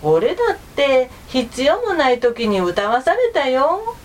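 A naive, eager young rooster, put on by a woman storyteller, chirps in a boyish voice pitched well above her own. His talk is quick and bright in a storybook style. A faint hum sits under the recording. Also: huge pitch swings, exaggerated voice. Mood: retorting.

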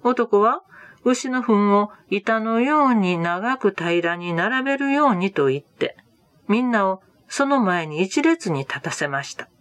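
A woman reading a folk tale aloud as a storyteller, with slow, expressive delivery. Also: medium pitch, no room sound.

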